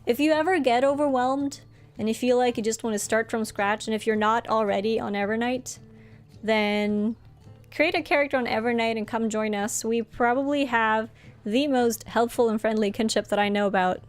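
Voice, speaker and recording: A young woman, a native Norwegian speaker, chats casually with viewers as she streams a game, reading the chat aloud. Her voice sits on the high side with a steady tone and moderate pace, and she sounds chatty and friendly, laughing often, with faint music in the background.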